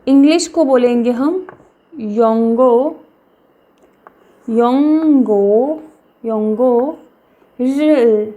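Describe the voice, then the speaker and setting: A young woman teaching a language lesson, repeating each word slowly for practice. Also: sits high, darkish tone. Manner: slow, repeats words for practice.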